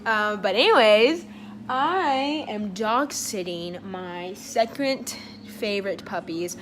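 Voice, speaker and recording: A woman's voice: medium pitch, lively intonation, takes it slowly, background noise. Chatty young woman vlogging, rambling. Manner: rambling, self-deprecating, with many fillers. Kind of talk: casual vlog chat.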